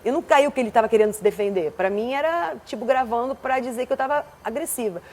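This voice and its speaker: Woman TV guest, husky, forceful delivery, rapid and a little high. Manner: speaks forcefully, gestures a lot. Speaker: interview guest. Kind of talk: emotional studio interview. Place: television studio.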